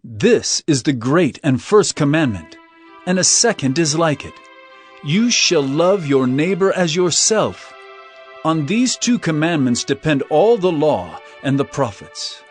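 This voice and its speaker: A man whose voice runs on the high side performs Jesus as a calm, commanding teacher in a dramatized reading of scripture. He speaks earnestly, measured and solemn, against soft background music.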